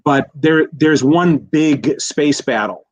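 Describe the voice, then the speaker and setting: A man with a slightly high voice speaks slowly as a guest commentator on a casual film podcast. He rambles, often restarting sentences and using fillers, and the lo-fi audio sounds a little dull.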